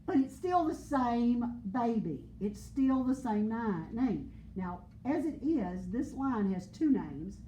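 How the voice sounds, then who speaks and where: A woman's voice: on the high side, expressive, takes it slowly, few pauses, mellow, slight background noise. A woman teaching geometry to a class, explaining patiently and repeating points with everyday examples. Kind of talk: classroom lesson. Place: classroom with students.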